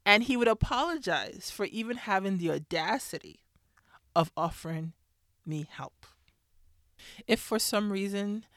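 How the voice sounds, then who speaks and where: A woman's voice: on the low side, no echo, studio quality. A woman telling a personal story about her marriage in a conversational way, sometimes acting out what others said. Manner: conversational, acts out quoted voices. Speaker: speaker sharing a faith-based marriage story.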